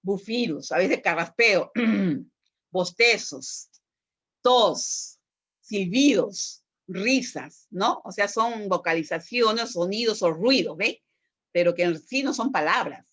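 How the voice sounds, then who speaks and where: A woman's voice: medium pitch, expressive, takes it slowly, a bit bright. A woman teacher giving a recorded class lecture, explaining step by step and checking in with frequent "¿no?" tag questions and "este" fillers.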